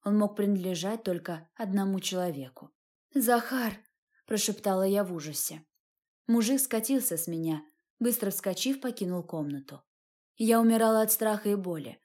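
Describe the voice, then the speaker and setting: A woman's voice: medium pitch, normal speed, warm tone. Woman reading a dramatic audiobook. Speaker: audiobook narrator. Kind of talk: first-person audiobook narration.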